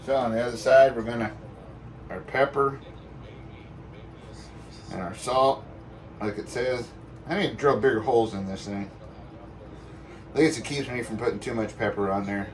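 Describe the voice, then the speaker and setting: A mid-range voice at normal speed, pausing often, belongs to a home cook guiding viewers through a recipe in a casual, folksy cook-along. He adds playful sound words and exclamations; the mic is distant and there's faint background noise.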